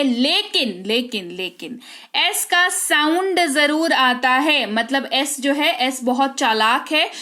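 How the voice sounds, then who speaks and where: High-voiced woman teaching spelling rules. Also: fairly bright tone. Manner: explains step by step, spells words out letter by letter; checks in often with rhetorical questions. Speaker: English teacher. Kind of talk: spoken English lesson in Hindi.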